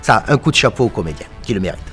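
With rapid-fire delivery, lively intonation and a fairly low, fairly bright voice, a forties-aged theatre company artistic director speaks enthusiastically and emphatically in an interview. He is seated in an empty auditorium, soft music playing behind him.

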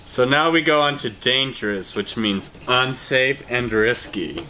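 Slow-talking young man hosting a game show. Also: medium pitch, lively intonation, sharp tone. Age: young adult. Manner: game show host patter, halting delivery. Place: furnished home games room, indoors. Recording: clearly noisy room recording.

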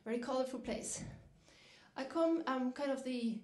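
A woman's voice: high voice, moderate pace, darkish tone. A middle-aged woman from Norway, giving a reflective storytelling dinner keynote, lifting her voice when she quotes herself. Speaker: keynote speaker.

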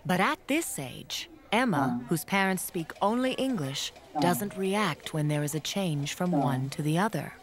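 Expressive low-pitched woman narrating a documentary. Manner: measured, explanatory.

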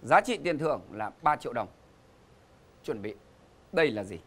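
A man's voice: medium pitch, sing-song, moderate pace, a bit bright, a little hiss or hum. A middle-aged man hosting a game show, with joking, teasing banter and theatrical emphasis. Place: TV studio stage.

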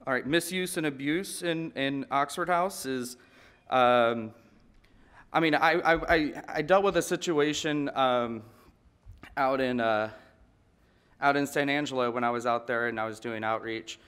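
A man's voice: mid-range voice, measured pace, fairly bright tone, clean tone. A man in his thirties talks from a podium in a big conference hall, his voice sitting in an ordinary middle register. He speaks earnestly and conversationally to the room, doubling back on words as he finds his way through a sentence. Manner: earnest, conversational, repeats words and restarts often. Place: large conference hall stage. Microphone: podium microphone.

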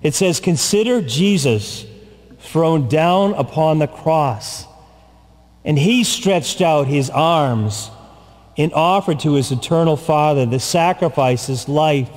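In a large, echoing church, a priest gives a sermon from the pulpit at a slow, solemn, deliberate pace, with lengthy pauses and repetition. His slightly high voice is animated yet darkish in tone. A pulpit mic and distant camera record the long reverb.

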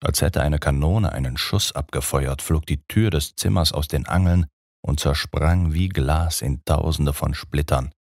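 A man narrating a gothic audiobook in a dramatic, measured storytelling manner. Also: rumbling low, vocal fry, darkish tone, dry recording, clean studio sound.

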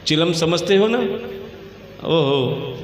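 A man's voice: high voice, unhurried, a bit bright. A male religious storyteller giving a devotional sermon at a village gathering, fervent and addressing listeners as dear ones over a PA microphone. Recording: echoey hall with long reverb.

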